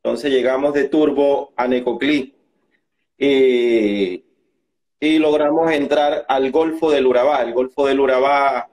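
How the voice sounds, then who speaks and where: A man's voice: mid-range voice, fairly even intonation, a little mellow, rough recording. Young Venezuelan man, interview guest; hesitant, restarting speech. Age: young adult. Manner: halting, many restarts and fillers. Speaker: migrant content creator, guest. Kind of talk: interview testimony.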